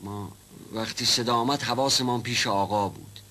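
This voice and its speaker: A man's voice: medium pitch, fairly even intonation, pushed and bright, natural voice. An actor playing a timid, rambling old male servant who stammers and dodges questions in a 1970s TV drama. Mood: nervous. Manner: stammering, evasive, repeats himself. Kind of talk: 1970s television drama acting.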